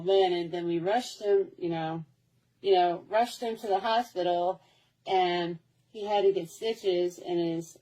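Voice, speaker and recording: Brief: woman, mellow and warm, chatty storyteller who loops back on herself. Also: lowish voice, low-quality recording. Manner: rambling, repetitive, with many restarts. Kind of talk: casual storytelling.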